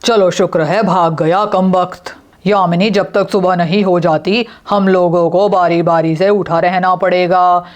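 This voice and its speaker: A woman's voice: on the low side, fairly even intonation, a little slow, hardly any pauses, lightly acted. A brave young father in a doll storybook, voiced by a woman in her ordinary voice. He talks steadily and reassuringly, giving firm, commanding orders. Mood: steady. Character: calm brave young father on a camping trip.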